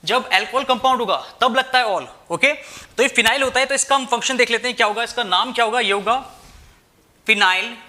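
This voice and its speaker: Bright-voiced young male chemistry teacher. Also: extremely high pitch, a little fast. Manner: repeats "theek hai" and asks rhetorical questions; addresses students as "bhai". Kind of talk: explaining at a whiteboard, Hindi-English mix.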